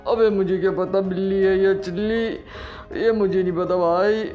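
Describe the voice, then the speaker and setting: A performer voicing a rude, grumpy old man with a stomach ache in a comic audio story, talking gruffly. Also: mid-range voice, steady tone, a little mellow, faint music behind, natural voice. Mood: grumbling. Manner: gruff, rude, calls people "abe".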